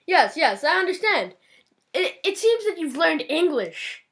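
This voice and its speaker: A woman with a high, bright, lively voice plays along in a silly homemade news sketch. She talks playfully and stumbles over her words now and then. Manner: playful, halting. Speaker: field reporter and interviewee in a comedy sketch.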